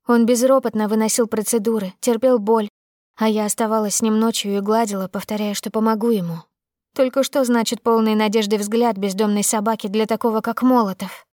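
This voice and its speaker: Woman, audiobook narrator, first-person, steady emotive reading, higher voice, close dry studio mic. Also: brisk, dry recording.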